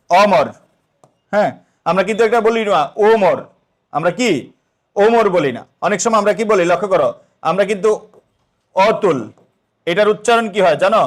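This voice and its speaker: A young man teaching an exam-prep lesson, asking the students questions and then answering them himself. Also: sits high.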